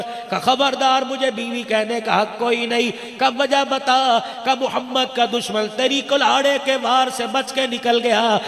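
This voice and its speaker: A man's voice: very high voice, fairly bright tone. A man preaching a sermon, telling a story with an impassioned, chanting cadence. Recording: echoey hall with long reverb.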